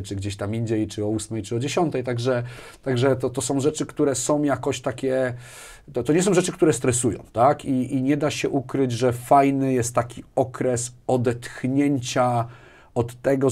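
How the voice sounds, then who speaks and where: Recorded on a lapel mic in a small, furnished indoor studio with bookshelves, a man in his forties speaks casually as an interview guest. He is a business executive with a medium-pitched, darkish voice who tends to repeat phrases while thinking aloud.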